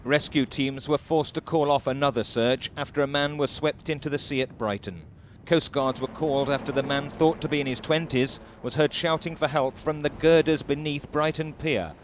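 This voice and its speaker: A man narrating a news report in a crisp, clipped reporter's style, heard from a worn VHS tape copy. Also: a little high, fairly even intonation, normal speed, a little hiss or hum. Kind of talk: scripted news report voice-over.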